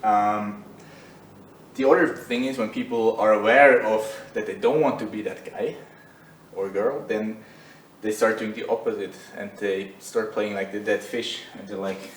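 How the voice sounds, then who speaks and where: A man's voice: fairly low pitch, steady tone, a little slow, echoey room, recorded from a distance, a little hiss or hum, low-quality recording. A man teaching jiu-jitsu in a loose, conversational way while demonstrating on the mat. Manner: loose and conversational, many fillers. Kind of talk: casual instructional demo.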